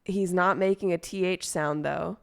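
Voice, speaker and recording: Expressive woman streamer chatting casually. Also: fairly low pitch, moderate pace, gravelly. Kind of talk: casual chat.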